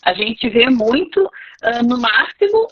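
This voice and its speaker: A woman's voice: a little high, sing-song, slow, slight background noise. A woman lawyer explaining a point over a video call while her connection drops out. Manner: explanatory, many tag questions. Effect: call audio breaking up, signal dropping. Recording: muffled, distant video-call audio.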